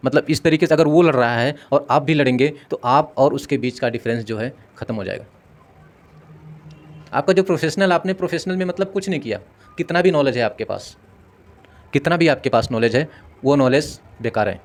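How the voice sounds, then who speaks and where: A man lecturing paramedical staff in an earnest, repetitive way, acting out sample dialogues with patients. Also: a little high. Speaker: medical instructor.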